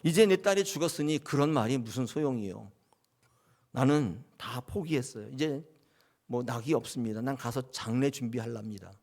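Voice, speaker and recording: A man's voice: mid-range voice, animated, moderate pace, darkish tone. A man voicing a grieving middle-aged father who complains with bitter resentment. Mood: despairing.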